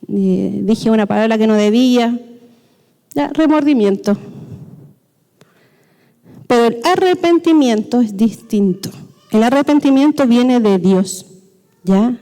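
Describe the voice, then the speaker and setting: A woman's voice: on the high side, animated, a little slow, long pauses, dark tone. A woman preacher, giving a sermon and explaining step by step, often checking in with the congregation. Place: church hall. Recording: long hall reverb.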